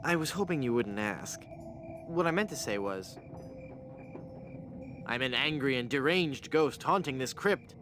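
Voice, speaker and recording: A man's voice: mid-range voice, expressive, a little slow, long pauses, noisy background, natural voice. A man playing a hapless, earnest adventurer in a comic adventure game, pleading and bluffing theatrically as a would-be ghost.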